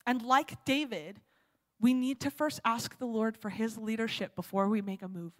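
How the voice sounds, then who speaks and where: Brief: woman preacher, casual storytelling sermon, slightly high voice, reverberant church hall. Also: normal speed.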